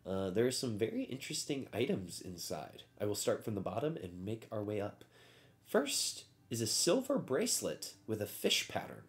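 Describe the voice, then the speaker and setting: Expressive man running a tabletop game. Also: on the low side, moderate pace. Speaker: game master.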